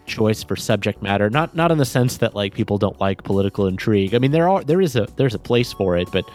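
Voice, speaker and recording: A man co-hosting a casual podcast, chatty and quick to laugh, often trailing off into asides. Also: lowish voice, lively intonation, darkish tone, faint music behind. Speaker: podcast co-host. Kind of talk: casual chat about game music.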